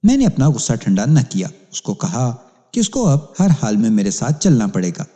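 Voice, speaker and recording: A man's voice: mid-range voice, sing-song, warm tone. A man narrating a crime story as a police inspector, in an emphatic, dramatic reading. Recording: long hall reverb.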